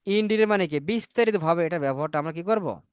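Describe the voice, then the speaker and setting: A man with a high, smooth voice teaches an online English class in Bengali. He keeps asking questions and answering them himself, and spells words out letter by letter. The sound is dry and close, over a computer mic. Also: brisk, no room sound, dull audio. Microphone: computer mic on a video call.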